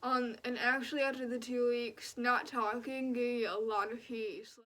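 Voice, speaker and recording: Her voice a little high and a bit bright, a young woman talks through her own experience in a casual vlog. She keeps a fairly even intonation and moderate pace while speaking bluntly, with plenty of slang and frequent "like" fillers.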